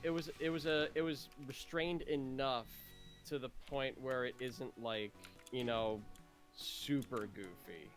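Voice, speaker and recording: Man, casual gaming chat, rambling delivery, medium pitch, faint background music. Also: measured pace. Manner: rambling, many restarts and fillers.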